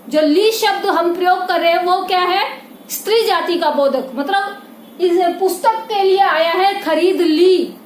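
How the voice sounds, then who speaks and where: A woman teaching a Hindi grammar lesson, patient and repetitive, who often checks that her students follow and calls them "beta". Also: very high voice. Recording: echoey room with faint noise.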